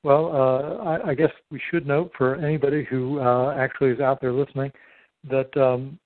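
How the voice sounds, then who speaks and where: Halting middle-aged man on a tinny phone line. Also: medium pitch, fairly even intonation, dry recording. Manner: hesitant, halting, wordy. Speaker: podcast host. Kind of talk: casual chat on a three-way phone call. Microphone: telephone call.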